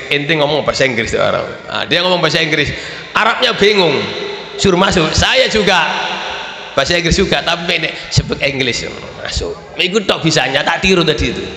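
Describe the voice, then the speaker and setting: A man with a Javanese accent delivers an animated storytelling sermon and at times breaks into shouts. His voice is bright and gravelly and sits a little high. It rings through a large hall with long reverb and faint room noise. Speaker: kyai preacher.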